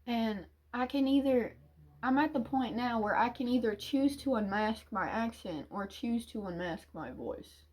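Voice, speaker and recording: Taking her time, a female YouTuber opens up in an emotional confession, stumbling and restarting and sighing often. Now and then her words fade into a soft, low mumble.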